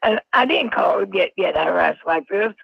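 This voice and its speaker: A man phones in to a live show, his voice disguised by a pitch-shifting voice changer. It comes out heavily gravelly and husky, and he stammers and repeats himself. The call is played back dull and muffled, with a dry close sound. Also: animated, normal speed, dry recording. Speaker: caller.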